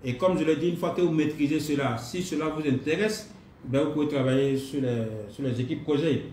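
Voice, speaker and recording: A man leading a live online training class, greeting participants and speaking at an unhurried pace with pauses and fillers. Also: on the high side, a little mellow. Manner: unhurried, repeats himself, many pauses and fillers. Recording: roomy distant mic, faint noise.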